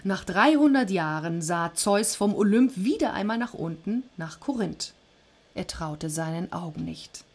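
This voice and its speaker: A woman reading a Greek myth aloud as a storyteller, with lively, chatty asides between passages. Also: fairly low pitch, a little slow, husky.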